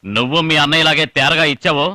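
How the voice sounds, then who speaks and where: A dubbing actor playing the uncle's grown son in a dubbed film, talking in a sulky, sarcastic way. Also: male voice, fairly high pitch, quick pace, pushed and bright, no room sound, studio quality. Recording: film dub with score underneath.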